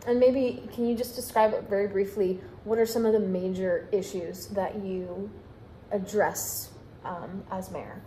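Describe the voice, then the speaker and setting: A woman's voice: mid-range voice, steady tone, unhurried, dark tone. A woman in her thirties or forties co-hosting, asking casual interview questions. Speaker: vlog co-host and interviewer. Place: indoor council chamber. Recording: roomy echo, background noise.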